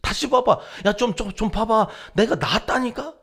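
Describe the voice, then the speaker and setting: A man voicing an angry, defiant leper who shouts back that he is healed, with a gravelly, husky voice. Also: very high voice, normal speed, pitched above the performer's own voice, exaggerated voice. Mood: angry shouting. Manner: shouting, indignant.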